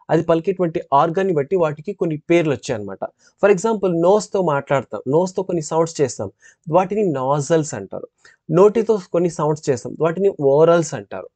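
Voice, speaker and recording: A man with a Telugu accent lectures on phonetics in a classroom style. His voice sits a little high yet sounds mellow. The recording is dry and close, and he repeats each sample sound slowly and carefully. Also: no echo. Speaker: English teacher.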